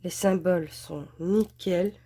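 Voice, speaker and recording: A crafts channel host chats loosely through an unboxing, gushing over each item and filling pauses with fillers. Her fairly low, mellow voice sounds stuffed up from a head cold.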